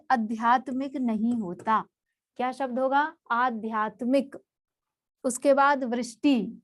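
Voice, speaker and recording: A woman teaches a spelling lesson for exam students with a fairly high voice. She works through one word at a time. She says each term again so the class can follow. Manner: patient, explains word by word and repeats each term.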